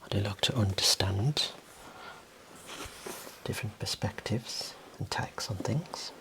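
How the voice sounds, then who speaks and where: Casting: male ASMR host, low-pitched, whispered library-tour delivery, breathy and unhurried. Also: bright, forceful tone, rough recording. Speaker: host showing own book collection.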